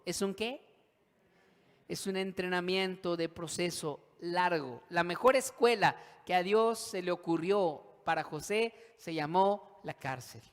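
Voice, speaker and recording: A man's voice: high-pitched, a bit bright. A male pastor preaching a sermon, acting out voices of the characters and leading call-and-response with the congregation. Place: church hall. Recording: long hall reverb.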